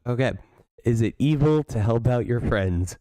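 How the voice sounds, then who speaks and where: A man's voice: mid-range voice, expressive, moderate pace, warm tone, dry recording. A man co-hosting a podcast in casual, unscripted chat.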